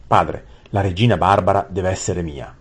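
A man voicing a hot-tempered young prince who shouts and rants. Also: low voice, normal speed, slightly rough. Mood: furious. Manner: shouting, ranting.

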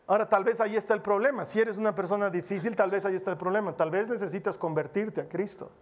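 A man's voice: high voice, quick pace. A male preacher exhorting his congregation, illustrating his sermon with personal stories. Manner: exhorting, storytelling with mimicry.

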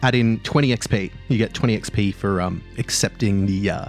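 A man's voice: on the low side, a little fast. Man, game master, casual rule explaining, chatty, faint music underneath. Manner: chatty, filler-heavy explaining.

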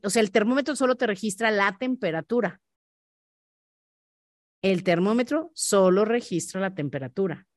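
A woman's voice: a little high, no room sound, clean studio sound. A woman with a Mexican accent hosting a motivational podcast, talking straight to the listener and acting out little scenes. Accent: Mexican Spanish. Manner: animated, acts out scenarios in quick voice shifts; speaks directly to listener with frequent "¿ok?" tags. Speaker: podcast host.

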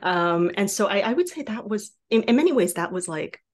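A native Mandarin speaker from Taiwan, this woman appears as a guest novelist in a conversational podcast interview. Her medium-pitched voice has a sing-song quality, and she halts as she thinks aloud, often saying "like" and "you know."

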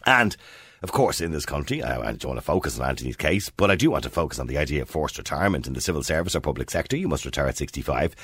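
A man's voice: very deep voice, lively intonation, rapid-fire, a bit bright, husky, no room sound. A man in his fifties with an Irish accent, hosting a talk radio show and putting questions to listeners in a chatty, opinionated way. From Ireland. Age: 50s.

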